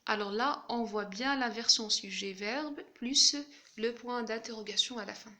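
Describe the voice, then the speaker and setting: A woman gives a grammar lesson at an unhurried pace. Her voice sits a little high and sounds bright. She explains each point carefully and backs it up with examples. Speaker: teacher.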